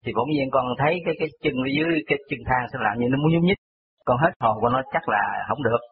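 A man with a Southern Vietnamese accent calls in to a radio show and tells a personal story at a brisk clip, piling on small details. His voice sits at an ordinary middle pitch. It comes through a thin, tinny phone line. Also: slight background noise. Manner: rambling, detail-heavy storytelling.

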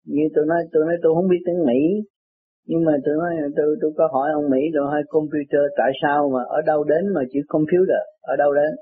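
An older man telling rambling stories in a casual, animated way, laughing often. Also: fast talker, slightly rough. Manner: animated, laughs often, jumps high when quoting others. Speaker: self-styled teacher telling anecdotes. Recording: tinny phone-like dry recording.

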